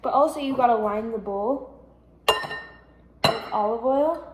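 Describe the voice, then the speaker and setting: A slow, easygoing woman with a fairly high voice, rambling through a cooking vlog at home. She thinks out loud as she goes. The kitchen is echoey, with a faint hiss underneath. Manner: chatty and rambling, thinking aloud as she works. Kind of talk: casual cooking vlog chat.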